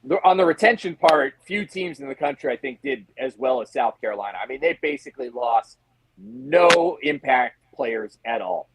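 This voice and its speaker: Talking as a guest sports reporter, a man gives laid-back analysis, often posing rhetorical questions and acting out asides in a conversational style. His medium-pitched voice is expressive, husky and fairly bright, at a moderate pace. Audio quality is poor.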